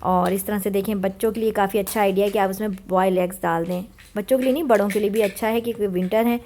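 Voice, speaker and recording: A woman's voice: mid-range voice, steady tone, quick pace, darkish tone, slight background noise. A woman in her thirties narrating her home cooking in a chatty, homely voice-over, mixing English words into her talk. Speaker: cooking vlogger. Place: home kitchen.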